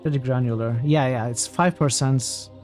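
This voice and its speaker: A man's voice: mid-range voice, moderate pace, darkish tone, soft background music. A man doing casual live game commentary, thinking aloud and putting questions to his chat. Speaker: game streamer.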